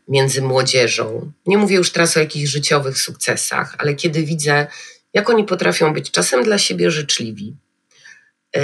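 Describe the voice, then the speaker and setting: Husky, gravelly-voiced woman guest. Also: deep voice, a bit bright. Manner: emotional, hesitant with many fillers. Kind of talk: podcast interview.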